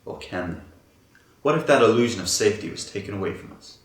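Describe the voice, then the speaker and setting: A man's voice: on the low side, lively intonation, quick pace, close to an everyday voice. A man playing an earnest, easily amazed infomercial host with an exaggerated salesman's delivery. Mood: grave concern. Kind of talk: parody infomercial presenting. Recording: roomy, distant mic, music behind.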